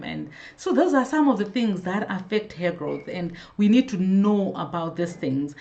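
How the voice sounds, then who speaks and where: Her voice is lowish and darkish, with vocal fry, and the recording is muffled. She's a hair care vlogger casually hosting a live stream, calling out viewers by name and restarting sentences often.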